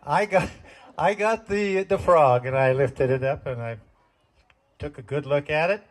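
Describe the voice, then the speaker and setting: A man's voice: fairly high pitch, measured pace. Folksy older man telling jokes on stage. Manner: folksy, chuckling, self-deprecating. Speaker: performer at a community talent show. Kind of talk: stand-up comedy storytelling. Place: stage at a community talent show.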